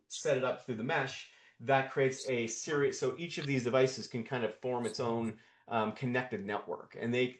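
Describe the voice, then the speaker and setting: A man presenting a live coding demo on a video call, thinking aloud with frequent restarts and repeated words. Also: medium pitch. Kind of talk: live screen-share demo. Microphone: video call mic. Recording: roomy echo.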